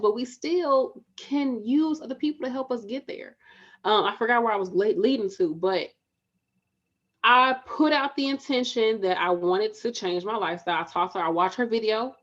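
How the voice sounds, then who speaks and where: A woman in her thirties talks straight to her viewers in a loose, casual way. She is emphatic and repeats phrases to urge them on. Her voice sits at a middle pitch, and the home recording sounds slightly muffled. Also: expressive, fairly quick. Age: 30s. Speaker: spiritual vlogger. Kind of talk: motivational direct-to-camera talk.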